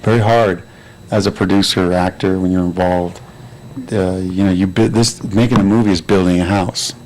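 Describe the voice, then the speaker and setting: A man, an actor and producer, talking in a relaxed, rambling way with lots of fillers at a crowded premiere. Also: sits low, moderate pace, a little hiss or hum, rough recording. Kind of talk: premiere interview.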